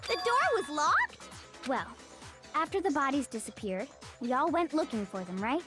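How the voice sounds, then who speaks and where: Very high, excitable anime girl. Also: normal speed, heavily acted. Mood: shocked disbelief. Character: excitable naive girl student, anime game character. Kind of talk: anime video game dub acting. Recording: loud background music.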